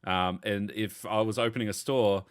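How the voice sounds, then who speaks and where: An Australian man hosting a podcast, telling animated, swear-filled stories and acting out customers in a casual chat. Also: on the low side, normal speed, smooth. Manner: animated storyteller, swears freely, acts out customers. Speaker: podcast host.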